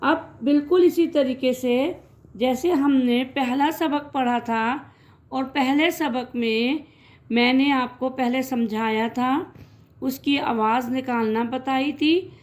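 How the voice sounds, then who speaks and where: A woman with a fairly high voice teaches young children to read. She stretches each sound out slowly and repeats it, then explains in quicker, gentle sentences as if speaking to her own pupils. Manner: slow drawn-out syllables, then quick explanations; gentle, calls listeners "beta". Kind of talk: children's reading lesson.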